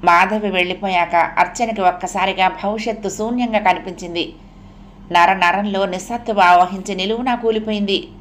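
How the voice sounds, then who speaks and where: A woman narrator reading a novel aloud with steady, expressive storytelling. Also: mid-range voice, moderate pace, slight background noise.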